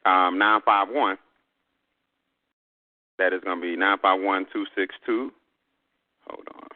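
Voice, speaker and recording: A man from the American South pitching a business opportunity with sales-style enthusiasm over a call. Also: steady tone, slow pace, dry recording. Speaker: guest trainer. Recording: tinny phone line.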